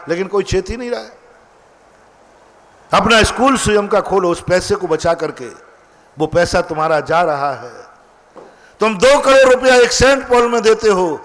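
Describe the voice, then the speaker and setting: Male preacher, high voice, forceful sermon delivery with rhetorical questions; faint background noise. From India. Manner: emphatic, rhetorical questions to the audience. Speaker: Jain monk preacher.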